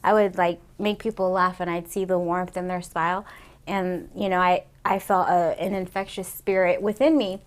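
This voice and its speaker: Speaking at normal speed in a low-ish, flat voice, a Seattle, Washington, USA comedian in her late thirties guests on an interview, chatting and rambling with lots of "like" and "you know" fillers.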